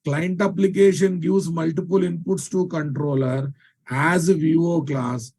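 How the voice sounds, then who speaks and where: A man's voice: on the high side, fairly even intonation, unhurried, creaky, a little mellow, slightly rough. A man with a Telugu Indian accent giving a live technical lecture as a programming teacher, repeating phrases for emphasis and checking understanding with questions.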